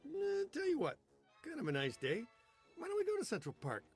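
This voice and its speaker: A man's voice: extremely high pitch, wildly swooping pitch, brisk, gravelly, faint music behind, exaggerated voice. A man voicing a sarcastic, laid-back ghost hunter in a video game, with dry wisecracks. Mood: wry. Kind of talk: video game cutscene acting.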